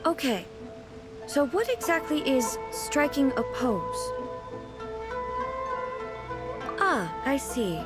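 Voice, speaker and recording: A woman voicing a regal, reserved ruler in a video game, speaking in a formal, measured and earnest way. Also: high-pitched, big pitch swings, full character voice. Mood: puzzled, awkward. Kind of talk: video game character voice acting. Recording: music playing behind the voice.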